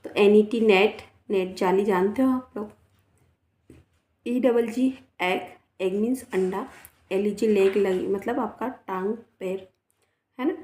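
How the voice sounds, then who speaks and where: In an echoey room, a woman teacher with a Rajasthan Hindi accent gives a children's phonics lesson in a mid-range, dark-toned voice. She goes slowly, spelling each word letter by letter and repeating it. She coaxes her pupils along, often adding 'है ना' and 'बेटा'.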